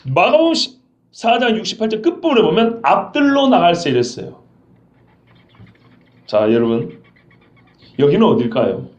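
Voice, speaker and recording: A man's voice: high voice, big pitch swings, moderate pace, pauses often. A male pastor preaching an expository sermon, acting out scenes and quizzing his congregation. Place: church sanctuary. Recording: roomy dull church recording.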